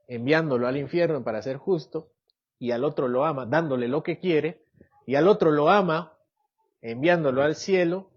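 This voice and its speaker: A man's voice: on the high side, highs cut off. Man teaching a church doctrine class. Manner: asks the class questions, acts out examples in quoted voices. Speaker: Bible teacher.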